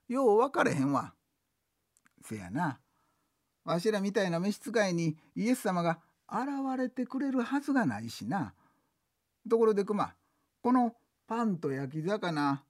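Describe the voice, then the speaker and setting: A man with a Kansai accent telling a comic story rakugo-style, switching between two chatting servants. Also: high-pitched.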